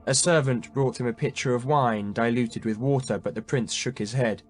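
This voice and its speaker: A man reading a historical novel aloud in measured, dramatic scripted narration. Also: medium pitch, soft background music. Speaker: audiobook narrator.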